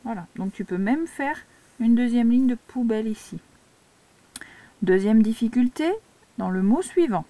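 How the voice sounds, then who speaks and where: Une institutrice française qui explique l'écriture cursive à de jeunes élèves, pas à pas et avec patience. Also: female voice, a little high, lively intonation, mellow, dry recording. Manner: slow, patient step-by-step instruction. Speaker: primary school teacher. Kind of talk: handwriting lesson for young children.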